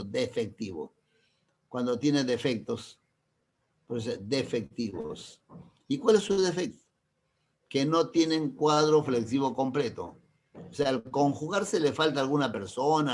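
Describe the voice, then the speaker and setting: A middle-aged man stands at the front of a class, walking through grammar rules in an easy, mid-pitched voice. He keeps stopping to check that everyone follows, firing off short questions to the room. Now and then he slips in a teasing example to keep the lesson light. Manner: constantly checks understanding with quick questions. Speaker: language teacher.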